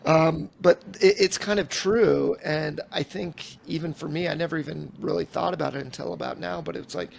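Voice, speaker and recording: Man, 40s, podcast co-host, rambly casual talker, heavy vocal fry. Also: fairly high pitch, steady tone, normal speed, hardly any pauses. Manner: rambling, acts out quoted conversations. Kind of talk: casual chat.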